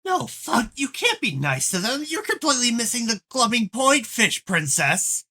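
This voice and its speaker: A performer voicing a loud, foul-mouthed, indignant troll leader with theatrical exasperation in an amateur comic dub. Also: mid-range voice, huge pitch swings, brisk, breathy edge, full character voice. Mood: bossy, irritated. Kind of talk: amateur group dub of a comic chat log.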